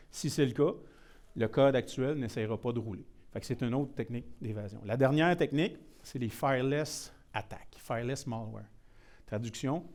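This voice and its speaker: A man from Quebec with a slightly mellow, mid-range voice presents a technical security workshop in Québécois French. He's easygoing and self-deprecating, frequently restarting sentences and borrowing English words.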